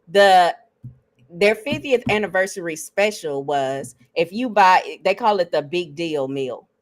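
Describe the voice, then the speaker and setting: A woman's voice: fairly low pitch, lively intonation, unhurried. A woman in her forties co-hosting a podcast, telling stories animatedly and laughing often. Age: 40s. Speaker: podcast co-host. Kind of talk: casual chat.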